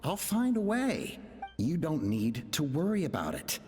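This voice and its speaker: An actress playing an earnest, strained grown daughter in a video game, speaking haltingly. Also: female voice, low-pitched, wildly swooping pitch, dark tone, heavily acted. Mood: pleading. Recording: long reverb, music behind.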